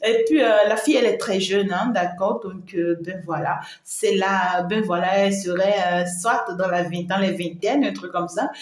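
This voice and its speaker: A woman's voice: mid-range voice, moderate pace, few pauses. A woman spiritual medium giving an emphatic, repetitive live-streamed talk, addressing her viewers fondly. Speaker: spiritual medium and channel host. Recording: roomy echo.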